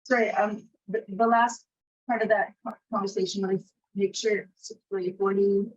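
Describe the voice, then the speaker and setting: A woman asking halting, hesitant questions on a video call while her audio crackles and cuts in and out. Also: mid-range voice, flat delivery. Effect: call audio cutting in and out with crackle. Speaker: webinar participant asking questions. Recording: muffled lo-fi video call line.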